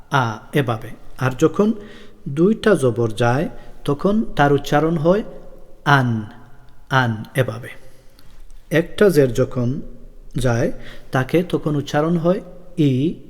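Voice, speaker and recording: A man teaching Quran letter sounds in a recorded lesson, patiently repeating each sound slowly. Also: fairly high pitch, a little mellow, long reverb tail.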